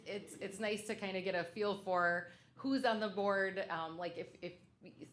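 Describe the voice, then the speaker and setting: A woman's voice: medium pitch, a bit bright. A woman consultant presenting to a school board at a public meeting, conversational and loose, with frequent fillers and restarts.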